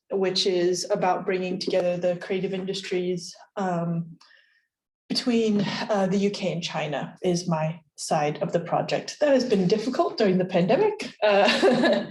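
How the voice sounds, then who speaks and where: In a university seminar room, an American woman gives a friendly, chatty academic research talk full of fillers and light laughs. Her mid-range, darkish voice comes through a low-quality recording with a roomy sound.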